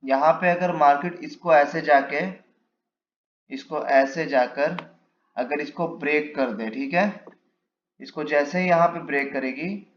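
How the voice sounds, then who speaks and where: A man's voice: fairly high pitch, a little slow. A man giving a casual step-by-step lesson on reading charts, asking and answering his own questions as he draws. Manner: explains while drawing, asks and answers his own questions. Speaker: trading teacher. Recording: echoey room, dull lo-fi mic, faint hiss.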